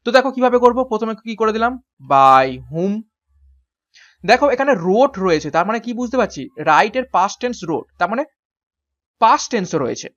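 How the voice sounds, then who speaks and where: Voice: medium pitch, big pitch swings, normal speed, a bit bright. Teacher explaining grammar step by step, dull sound. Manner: explains step by step, often asking questions and answering them; spells words out letter by letter. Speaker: English teacher. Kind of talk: exam-prep grammar lesson.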